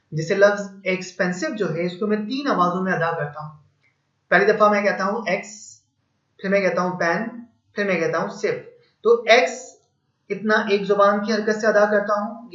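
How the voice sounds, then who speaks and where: A male English teacher with a fairly high, fairly bright voice explains grammar slowly and patiently, building each point up with examples, his speech carrying a tinge. The recording sounds echoey and somewhat dull and muffled.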